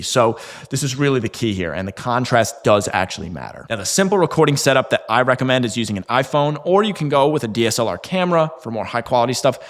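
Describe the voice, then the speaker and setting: Man, marketing coach, conversational talk to camera, average pitch, echoing room. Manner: conversational, fillers like "you know", occasional restarts. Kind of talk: casual instructional talk to camera.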